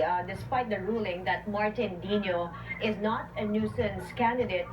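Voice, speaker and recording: Woman news anchor over clear background noise. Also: medium pitch. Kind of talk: news anchoring, questioning a live reporter. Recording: noisy, distant broadcast sound.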